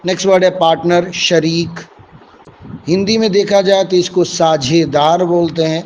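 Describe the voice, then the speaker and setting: A man's voice: sits high, fairly even intonation, slight background noise, rough recording. A man teaching a vocabulary lesson, explaining English words one by one with Urdu and Hindi meanings and calling his listeners dear students.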